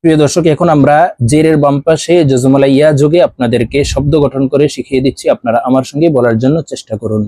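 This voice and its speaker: A Bangladeshi man teaching Quran letter reading, chanting syllables slowly and drawn out between quick explanations, with learners repeating after him. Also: medium pitch, fairly even intonation, warm tone, no echo. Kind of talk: recitation lesson with repeat-after-me drills.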